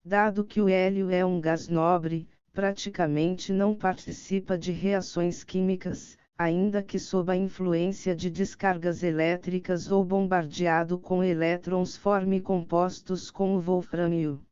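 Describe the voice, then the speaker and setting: Clear, smooth low-pitched woman narrator. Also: little pitch movement, a little mellow, dry recording, lo-fi sound. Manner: measured, formal reading. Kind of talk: scripted audiobook narration of an encyclopedic article.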